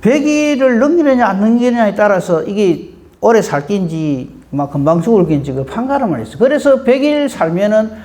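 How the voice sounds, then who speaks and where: A man preaching a dawn service sermon in a lively, folksy way, full of rhetorical questions. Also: high voice, normal speed. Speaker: pastor.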